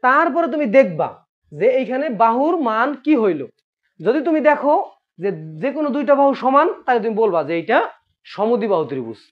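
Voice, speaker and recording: A patient male math teacher speaks in a very high, sing-song voice at a brisk pace, asking his students questions and repeating his questions and points. The classroom recording is dull, muffled, and lo-fi.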